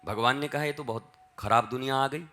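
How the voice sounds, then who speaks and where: Bright-voiced man telling a devotional tale. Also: medium pitch, a little fast. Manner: acts out dialogue in dialect, swings from hushed chant to loud calls. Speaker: spiritual teacher. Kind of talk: devotional storytelling sermon.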